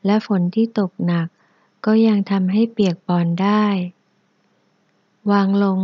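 Woman narrator, steady novel reading; dry, slightly dull audio. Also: medium pitch, moderate pace, dry recording. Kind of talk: reading a historical novel aloud.

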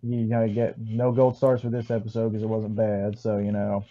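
A man co-hosting a podcast, talking in a relaxed, rambling way. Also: on the low side, normal speed, no echo. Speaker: podcast co-host. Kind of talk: casual chat. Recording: dull lo-fi mic.

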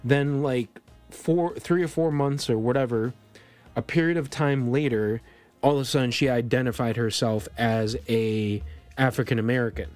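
A man's voice: mid-range voice, normal speed, a little mellow, clear, resonant tone, soft background music. A man born in Colombia co-hosting a podcast, talking politics in a casual, rambling way full of restarts and fillers. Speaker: podcast co-host.

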